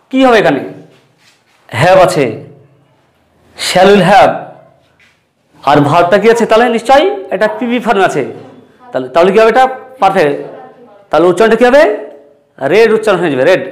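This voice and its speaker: High-voiced Bengali teacher explaining grammar. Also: male voice. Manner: asks questions and answers them himself, repeats key words. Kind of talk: classroom-style lesson.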